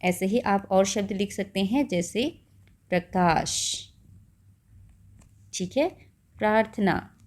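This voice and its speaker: A woman teacher explaining a school lesson patiently, checking in with the listener often and slowing down to spell out words. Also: mid-range voice.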